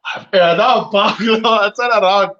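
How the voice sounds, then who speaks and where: A man's voice: sits high, moderate pace, pushed and bright. A man in his thirties with a Durban South African accent, telling a story in a casual chat, laughing often and acting out voices. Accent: South African English, Durban. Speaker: co-host. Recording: muffled mic.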